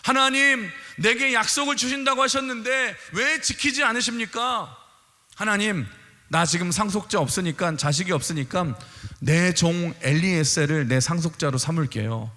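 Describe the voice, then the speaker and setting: A man's voice: sits high, normal speed, pushed and bright. A man preaching voices the old Abraham, pleading emotionally with God, in a church with long reverb. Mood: complaining.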